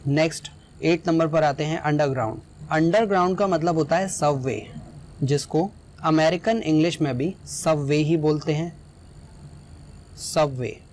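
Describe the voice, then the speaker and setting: Guy teaching a class, kinda high voice, keeps asking "right?" to check you follow. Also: moderate pace, a little mellow, slight background noise. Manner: explanatory, often checks in with "right?". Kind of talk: explaining a lesson.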